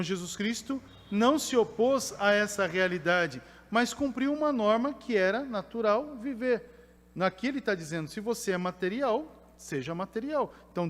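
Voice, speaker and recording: A Brazilian man preaching a homily at Mass, measured and often checking in with a rhetorical "né?". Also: high-pitched. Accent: Brazilian Portuguese. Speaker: priest. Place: church. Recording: long church reverb.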